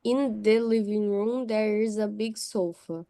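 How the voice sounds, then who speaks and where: A woman's voice: medium pitch, steady tone, slow, warm tone, low-quality recording. A woman student, answering English exercises hesitantly with fillers and restarts.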